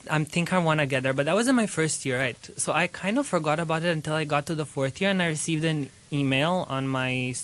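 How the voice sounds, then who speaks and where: A young man in his twenties from Serbia, a student guest telling his story in a relaxed, rambling way with many fillers. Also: a little high, fast, hardly any pauses. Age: 20s. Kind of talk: casual interview.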